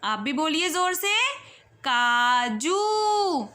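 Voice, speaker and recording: High-voiced teacher drawing out every vowel. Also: female voice, expressive, a bit bright. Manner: stretches vowels slowly and clearly, coaxing children to repeat. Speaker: primary school Hindi teacher. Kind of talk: children's phonics lesson.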